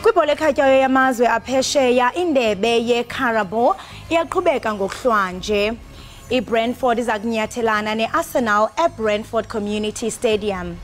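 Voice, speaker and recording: Higher-pitched Xhosa-accented woman sports presenter. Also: normal speed. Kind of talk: scripted sports bulletin. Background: music bed.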